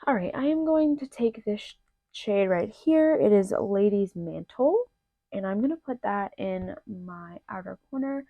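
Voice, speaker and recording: A young beauty vlogger talks through a makeup tutorial in a casual way, full of fillers and a little nasal from allergies. Her mid-range voice has lively intonation, a measured pace and vocal fry, and the home recording is dry with no echo, though slightly muffled.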